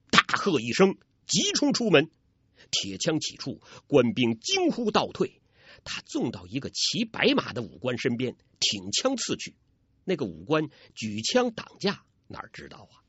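Lively, dramatic male storyteller. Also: fairly high pitch, husky, no echo. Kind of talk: traditional storytelling narration. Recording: dull, dry recording.

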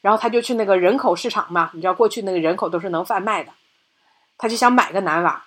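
A woman's voice: mid-range voice, fast. A woman hosting a podcast, animatedly retelling a film plot in casual storytelling and often checking in with her listener. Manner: animated, chatty, asks "对吧?" often. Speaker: podcast host.

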